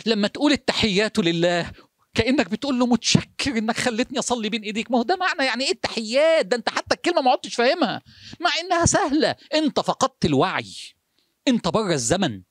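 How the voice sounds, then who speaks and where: In a very high, sing-song voice, a man with an Egyptian Arabic accent preaches a motivational sermon, throwing rapid rhetorical questions at the listener. Urgent passages give way to hushed, slowed phrases for emphasis. The audio is clean studio sound with no room sound.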